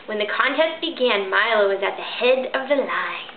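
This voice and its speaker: A woman in her thirties reads a children's picture book aloud in her bedroom at home, lively and expressive, using high character voices at a moderate pace. A camera in front of her records it, giving an echoey, thin, phone-like sound with a little hiss or hum.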